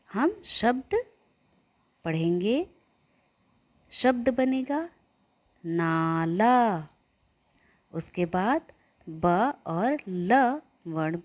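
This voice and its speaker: A woman teaching young children, chanting rhymes and sounding out syllables in a slow sing-song way so they can repeat after her. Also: medium pitch, a little mellow. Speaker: primary school teacher.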